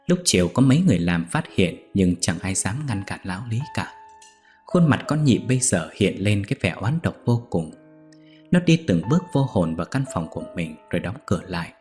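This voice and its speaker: Low-voiced male storyteller reading a ghost story steadily over faint music. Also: sing-song, brisk, darkish tone. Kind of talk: scripted ghost story narration.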